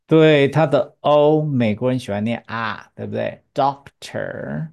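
Her voice rumbles low, a little mellow and creaky with vocal fry, and she takes her time. She's giving a bilingual English pronunciation lesson, explaining patiently in Chinese, drilling each word with a student, and checking understanding with rhetorical questions.

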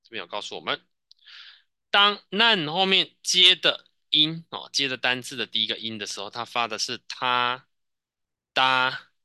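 This lowish, bright, forceful voice belongs to a Japanese teacher with a Taiwanese Mandarin accent. He patiently runs drills, repeats answers and keeps adding "哦" to his sentences; the tone is clean and there's no room sound.

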